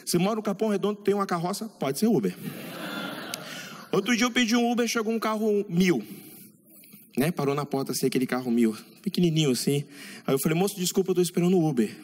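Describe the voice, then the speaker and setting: A man doing a stand-up comedy routine on a club stage, telling anecdotes quickly and acting out the dialogue. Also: high-pitched, animated, a little mellow, big-room sound. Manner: rapid anecdotal delivery, acts out dialogue.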